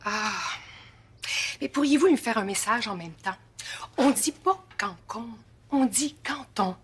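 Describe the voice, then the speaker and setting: Prim teacher. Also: female voice, mid-range voice, expressive, normal speed, a bit bright, a little hiss or hum. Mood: fussy. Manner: precise, correcting diction, insistent. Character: fussy, prim middle-aged female French teacher. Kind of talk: TV drama acting. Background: background music.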